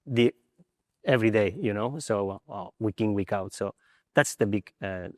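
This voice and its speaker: A man's voice: lowish voice, normal speed, dry recording, studio quality, long reverb tail. A man, an assistant coach on a panel, speaking thoughtful, hesitant English with frequent fillers. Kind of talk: panel interview on stage.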